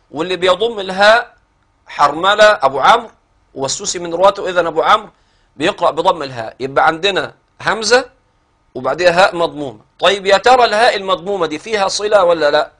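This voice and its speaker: An Egyptian-accented man teaches a recitation class with a somewhat high-pitched voice. He works through the rules step by step and stretches out the verse lines he chants. He stops now and then to quiz a student. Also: animated, fast, a bit bright. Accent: Egyptian Arabic. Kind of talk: classroom explanation.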